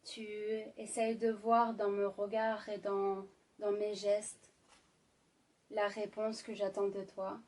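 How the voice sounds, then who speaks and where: A woman doing an ASMR role-play as a sultry, intimate ASMR narrator, speaking sensually to the listener with lingering pauses. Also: medium pitch, level tone, darkish tone, far from the mic. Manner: slow, lingering delivery with deliberate pauses. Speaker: ASMR performer.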